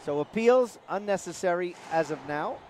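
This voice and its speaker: A man with a New York accent calls the action as a sports commentator. His voice sits fairly high, and he talks in an easygoing, chatty way while breaking down each play. A clear layer of noise runs under the recording. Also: lively intonation, moderate pace. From New York area. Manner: chatty, laughing easily, explaining plays.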